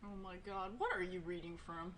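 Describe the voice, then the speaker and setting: Bright-voiced woman, teasing and laughing. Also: lowish voice, steady tone, a little fast. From Massachusetts. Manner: laughing, teasing, swears freely. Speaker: streamer. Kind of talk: casual chat.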